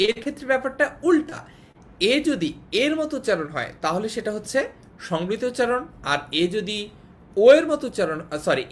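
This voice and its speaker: A woman teaching an online class, explaining patiently, repeating key points and checking that students follow. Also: fairly bright tone. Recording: faint noise and low rumble.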